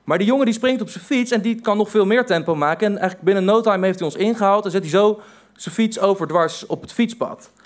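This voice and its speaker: A man's voice: high voice, fast talker. Wry young man telling a story. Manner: wry, self-mocking, with hesitant fillers. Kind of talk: personal storytelling.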